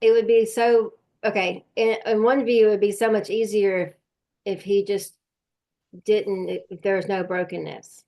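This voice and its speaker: Host, woman: gravelly edge, thoughtful, searches for her words, faith talk. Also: medium pitch, level tone, normal speed, warm tone. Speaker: podcast host. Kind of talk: faith-based conversation.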